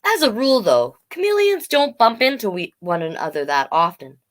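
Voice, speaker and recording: Her pitch is medium but swings widely as she reads a children's picture book at an ordinary pace. She's hosting storytime, performing expressively and playfully and chatting to the kids with explanatory asides.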